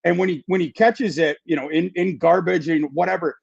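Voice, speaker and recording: A man giving fantasy football analysis in a casual podcast chat, talking quickly and restarting his sentences. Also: on the high side, fairly even intonation, vocal fry, breathy edge, muffled recording. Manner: fast, repeats words and restarts often.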